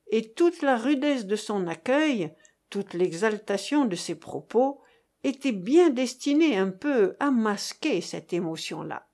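A woman reading a classic novel aloud as an audiobook narrator, in an expressive, dramatic way. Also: mid-range voice.

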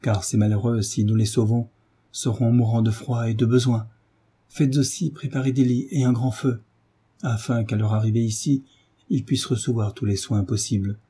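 A man reading the part of a calm, grave tutor who gives firm, decisive orders. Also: mid-range voice, normal speed, husky, close to an everyday voice. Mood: commanding. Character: calm, commanding male tutor in his prime.

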